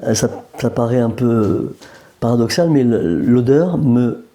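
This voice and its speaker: A little slow and dark in tone, this Algerian man's mid-range voice carries a casual gallery interview about his painting. He pauses and hesitates a lot, and tosses in humorous asides along the way.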